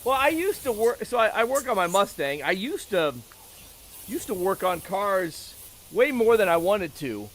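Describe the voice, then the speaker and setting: A man's voice: sits high, sing-song, unhurried, slight background noise. A man chatting casually and talkatively, with joking asides, as he shows off things. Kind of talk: casual chat about tools.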